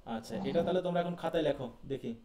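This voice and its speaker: A man's voice: fairly high pitch, fast talker, heavy background noise. A man teaching an online class, quizzing students and calling on them by name. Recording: roomy echo from far off the mic.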